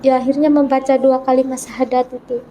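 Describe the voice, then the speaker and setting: A woman's voice: high voice, level tone, quick pace, mellow, slight background noise, poor audio. A woman from North Sulawesi telling her personal story as a guest, earnestly acting out remembered dialogue. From North Sulawesi, Indonesia. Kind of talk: personal testimony in an interview.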